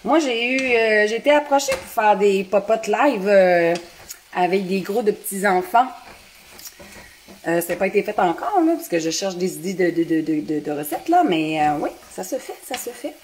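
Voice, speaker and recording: A woman's voice: mid-range voice, animated, normal speed, slight background noise, poor audio. A woman in her thirties with a Québécois French accent, chatting with viewers as she cooks during a live stream. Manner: chatty, talks to viewers' comments while cooking. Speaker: home cooking livestream host. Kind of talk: casual live cooking stream chat. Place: home kitchen with a sizzling pan.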